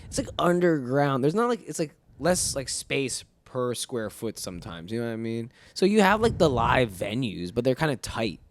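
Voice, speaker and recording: A man's voice: mid-range voice, very animated, moderate pace, hardly any pauses. A man hosting a podcast in casual chat, easygoing and rambling, often asking "you know what I mean". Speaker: podcast host.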